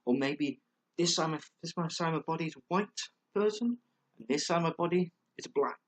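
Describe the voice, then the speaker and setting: His voice sits on the high side and runs a little fast as he rants at the camera. The man gets fired up and swears a great deal, rambling with stumbles, fillers and repetitions.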